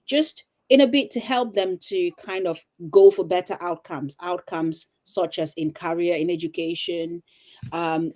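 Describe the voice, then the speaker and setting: Low, mellow-voiced woman from Cameroon. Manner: thoughtful, with frequent ums and restarts. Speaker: teacher and coach. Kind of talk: casual interview answers. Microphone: video call.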